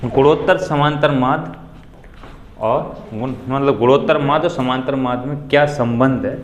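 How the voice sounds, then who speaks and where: A man's voice: medium pitch, moderate pace, a little hiss or hum. Man teaching maths in an echoey classroom. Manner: patient, calls students 'beta', repeats steps. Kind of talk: live classroom maths lesson.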